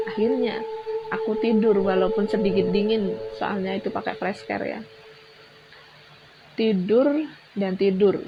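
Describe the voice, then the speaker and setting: A young Indonesian woman telling a personal horror story in a casual, chatty way, often restarting and repeating words. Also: mid-range voice. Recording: dull lo-fi sound with music behind.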